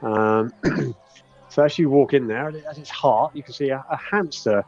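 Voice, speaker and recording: Halting male game master, dull audio. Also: mid-range voice, darkish tone, soft background music. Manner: halting, easygoing, rambling. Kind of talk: casual tabletop game narration. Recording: dull, lo-fi sound.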